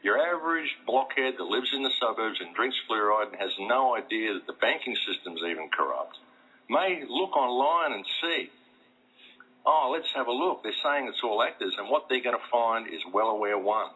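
Heard via muffled, lo-fi internet radio, this middle-aged man speaks with a South Australian accent and a medium-pitched, expressive voice that is sharp with a breathy edge. At a moderate pace, he holds forth emphatically and insistently as a talk show guest in an animated conversational monologue.

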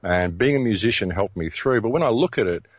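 A man's voice: fairly low pitch, expressive, a little fast, husky, dry recording, muffled recording. A middle-aged Australian man, a radio host, telling his story in a casual interview with many restarts and fillers.

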